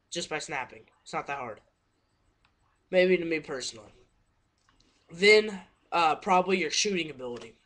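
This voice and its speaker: A teenage boy gives casual advice into a webcam at home, and his voice sits a little high. He rambles, backtracks and apologizes as he talks, slightly out of breath. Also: a bit bright. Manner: rambling, self-correcting, apologetic. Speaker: paintball vlogger. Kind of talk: casual webcam tips talk.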